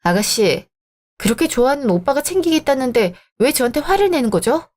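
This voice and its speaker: Woman reading a radio drama, sarcastic and defiant, kinda high voice. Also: very animated, a little fast, darkish tone. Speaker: narrator voicing the wife.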